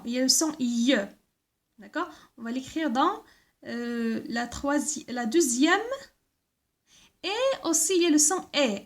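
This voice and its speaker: A woman teaching a primary school class, reading instructions and spelling out letters and sounds, often checking with "d'accord?". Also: on the high side. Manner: slow, careful, repeats words and letters, frequent "d'accord?".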